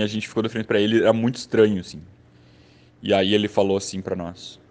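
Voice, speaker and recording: A man's voice: fairly low pitch, a little mellow. A man with a southern Brazilian gaúcho accent casually telling anecdotes in a loose, rambling way. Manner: loose, rambling, lots of fillers. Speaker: storyteller.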